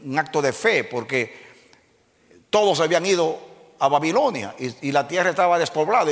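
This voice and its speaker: A man preaching a sermon to a congregation, moving between low explanation and shouted peaks and asking the listeners direct questions. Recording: long hall reverb.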